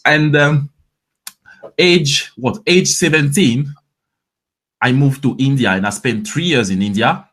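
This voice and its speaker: A man's voice: medium pitch, takes it slowly, pauses often, fairly bright tone. A man in his twenties from Ivory Coast with a French accent, a fitness coach answering interview questions in a friendly way, often repeating words as he starts.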